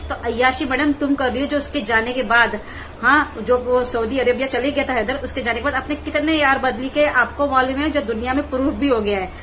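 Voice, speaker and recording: High-voiced woman scolding in commentary. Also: fairly bright tone, slight background noise, poor audio. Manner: mocking, scolding, rapid rants. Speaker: vlogger.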